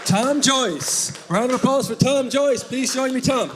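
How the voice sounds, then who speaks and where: Event host: high-voiced man with a west of Ireland accent, introducing guests and bantering as he interviews. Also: unhurried, crowd noise, background noise. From Galway, Ireland. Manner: jokey, chatty. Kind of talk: master of ceremonies presenting and interviewing.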